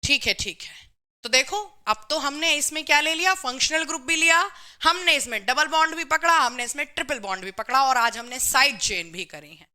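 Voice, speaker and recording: Bright-voiced woman teaching chemistry live. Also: high-pitched, brisk. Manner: reads out and answers student comments; says "bhai" and "theek hai" to the class often. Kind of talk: live online class.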